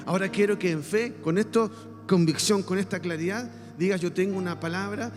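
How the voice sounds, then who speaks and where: A pastor with a Chilean Spanish accent preaches a sermon, leading his congregation in call-and-response and swinging from soft speech to shouts. His voice sits high and runs a little fast, with big-room sound and music in the background.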